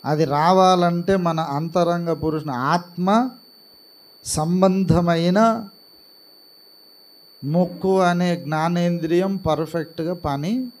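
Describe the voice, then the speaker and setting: Male pastor, slightly high voice, slow and gentle sermon delivery, no shouting. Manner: calm and unhurried, talks gently rather than shouting. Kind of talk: slow, soft-spoken Telugu sermon.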